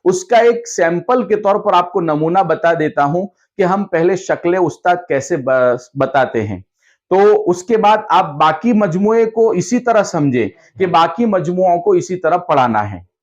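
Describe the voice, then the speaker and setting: High-voiced man teaching teachers, lo-fi. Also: expressive, unhurried. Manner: acts out classroom exchanges, asking children questions and answering for them; patient, repetitive, encouraging. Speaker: Islamic scholar training madrasa teachers. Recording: dull lo-fi recording.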